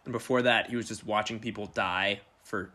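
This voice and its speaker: A man's voice: lowish voice, steady tone, fairly quick, sharp tone. A man chatting casually and rambling over a video call, laughing often. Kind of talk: casual chat.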